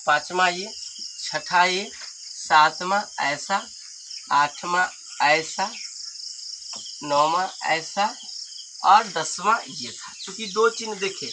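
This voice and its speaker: A man teaching a grammar lesson, explaining slowly and pointing at symbols one by one. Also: high voice. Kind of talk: Hindi grammar lesson at a board. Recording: noisy background with insects.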